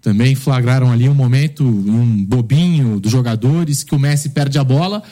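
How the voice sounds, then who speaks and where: A man's voice: mid-range voice, moderate pace, dark tone. A man, a football panelist recounting scenes reflectively. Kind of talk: sports panel commentary.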